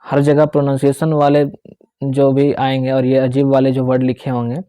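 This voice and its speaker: A young man teaches English pronunciation in Hindi mixed with some English, in a mid-range, dark, smooth voice delivered completely flat at a moderate pace, with no echo. He works through the material step by step, repeats key words, and often checks in with his students by asking "theek hai".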